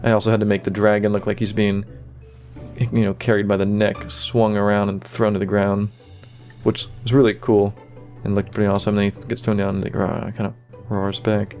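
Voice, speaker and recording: A man relaxedly talks through the behind-the-scenes of his own animation, peppering his speech with "you know" and "kinda." His voice is lowish and fairly quick, with soft music in the background.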